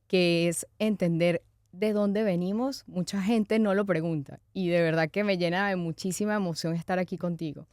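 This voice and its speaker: A woman speaking, telling her life story as a guest in an earnest, animated way. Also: lowish voice, normal speed, few pauses, no room sound, studio quality. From Venezuela. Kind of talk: conversational interview.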